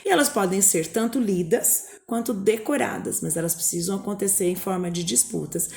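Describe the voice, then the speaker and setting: A woman's voice: medium pitch, moderate pace, creaky, darkish tone. A woman with a Brazilian Portuguese accent, a teacher explaining a lesson to her students on video, often checking in with short tag questions.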